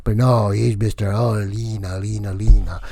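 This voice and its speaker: A wacky vampire count and would-be comedian, put on by a man, rambling through his grievances in a jokey, self-mocking way. The voice sits low and warm, with a dry, close sound. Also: little pitch movement, normal speed, no room sound. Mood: aggrieved. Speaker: comedian character. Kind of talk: comic monologue.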